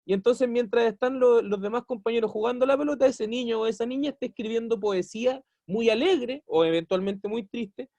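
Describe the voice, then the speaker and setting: A man's voice: very high-pitched, a little fast, few pauses, darkish tone, no echo. A man giving a university lecture as a teacher, explaining at length, asking rhetorical questions and acting out quotes.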